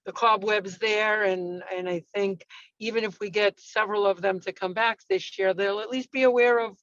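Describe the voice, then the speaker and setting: A woman's voice: medium pitch, fairly even intonation, normal speed, a bit bright, dry recording. A woman calls in over her car speakerphone while she drives, chatty and enthusiastic. Her voice comes through dull and muffled, with a very dry sound and no room around it. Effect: speaking over a car speakerphone while driving. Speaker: parade volunteer. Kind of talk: video meeting call. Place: in a car, driving.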